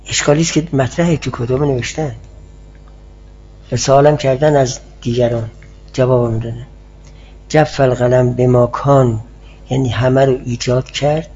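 A man's voice: medium pitch, warm tone, slight background noise. A man teaching a class on philosophy and theology, explaining step by step and answering students' questions. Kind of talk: classroom lecture. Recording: muffled lo-fi class recording.

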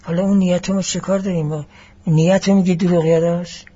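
A man giving a classroom lecture as a seminary teacher, explaining each point deliberately and mixing in Arabic phrases. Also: high-pitched, flat delivery, dark tone, breathy edge, highs cut off.

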